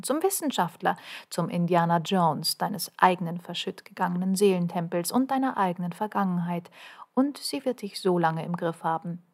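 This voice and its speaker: A woman's voice: fairly low pitch, husky. A woman reading her own first-person motivational text aloud, earnest and intimate, often dropping to a half-whisper and pressing the listener with urgent questions.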